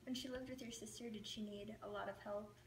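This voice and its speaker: A woman interviewer asking brief, soft follow-up questions. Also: mid-range voice, steady tone, quick pace. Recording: roomy with faint noise.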